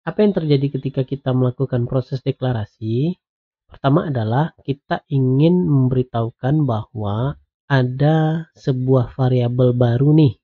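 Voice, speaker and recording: A man giving a programming lecture while coding on screen, explaining slowly and patiently with lots of "nah" and "ya". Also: mid-range voice. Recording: tinny phone-like audio.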